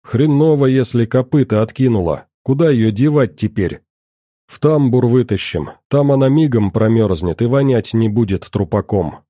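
A man's voice: mid-range voice, normal speed, mellow, dry recording, studio quality, close to an everyday voice. A man voicing a crude, callous male security guard who mocks in coarse slang. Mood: mocking. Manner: mocking, coarse.

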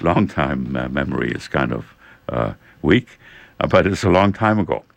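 Very deep-voiced hesitant man. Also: expressive, vocal fry. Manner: hesitant, halting, full of restarts. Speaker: radio co-host. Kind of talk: casual radio chat. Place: radio studio.

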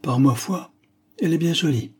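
A man's voice: medium pitch, normal speed, mellow, slightly rough, natural voice. A man playing a sly, greedy old village man with a wheedling manner.

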